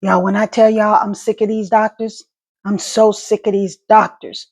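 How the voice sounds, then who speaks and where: Gravelly, gargly-voiced woman, slightly halting. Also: medium pitch, level tone, a little mellow. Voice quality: gargly, wet-sounding voice; gravelly, husky. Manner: slightly stuttering, halting speech. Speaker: vlogger and stroke survivor. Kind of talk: casual personal vlog to viewers.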